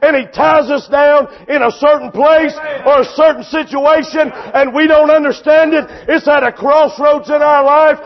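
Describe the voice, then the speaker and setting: A man preaching a sermon, impassioned and often shouting, with a repetitive preaching cadence. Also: very high voice, steady tone, moderate pace, hardly any pauses, dull audio.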